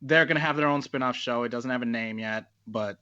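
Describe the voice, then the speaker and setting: A man co-hosting a podcast, explaining at length with plenty of "like" and "uh". His voice has a bright edge. The sound is dull and lo-fi, as if from a cheap mic. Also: medium pitch, fairly quick, clean tone. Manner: explains with many "like" and "uh" fillers. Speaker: podcast co-host. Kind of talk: casual chat.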